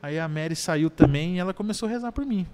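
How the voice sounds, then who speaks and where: Brazilian man, podcast guest, animated personal storytelling. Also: sits high, quick pace, smooth. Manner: animated storyteller, keeps adding "né?".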